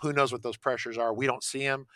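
A man's voice: medium pitch, fairly even intonation, fast, bright, forceful tone, dry recording, clean studio sound. A man talking casually in a conversation, often restarting sentences and ending points with "right?". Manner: rambling, frequent restarts and "right?" tags. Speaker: podcast guest.

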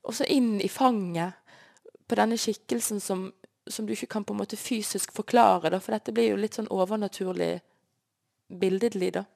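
A woman's voice: mid-range voice, creaky, a little mellow. A woman sharing an earnest, emotional personal faith testimony as an interview guest. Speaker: guest sharing her life story.

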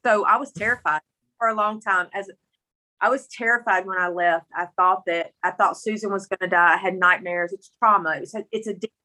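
Brisk, bright and pushed, this medium-pitched voice belongs to a middle-aged rural Mississippi woman with a Southern country accent. She's a guest telling her own story in a candid, folksy, emphatic way, on poor audio.

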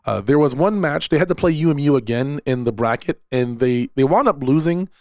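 A man's voice: medium pitch, lively intonation, brisk, darkish tone, no room sound, clean studio sound. A man, hosting a casual solo podcast and talking in a rambling way with repeated words and fillers. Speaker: podcast host and esports director.

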